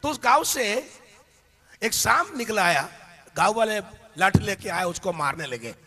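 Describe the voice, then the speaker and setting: A man preaching a sermon to a congregation, telling anecdotes and building to impassioned, shouted climaxes, recorded in a large hall. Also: high voice, very animated, unhurried, soft background music. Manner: storytelling with anecdotes. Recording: long reverb of a big hall.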